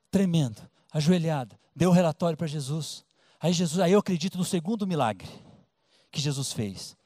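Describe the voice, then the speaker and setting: Animated Brazilian pastor, high voice. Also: male voice, no echo, studio quality. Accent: Brazilian Portuguese. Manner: colloquial, animated storytelling with acted-out voices. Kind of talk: sermon.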